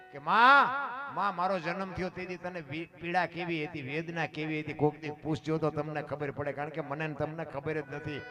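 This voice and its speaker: High-voiced Kathiawadi folk preacher man. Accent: Kathiawadi Gujarati. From Gujarat, India. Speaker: folk dayro speaker. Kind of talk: dayro moral talk to a seated audience. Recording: live talk over clear instrumental music. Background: instrumental music playing under the talk.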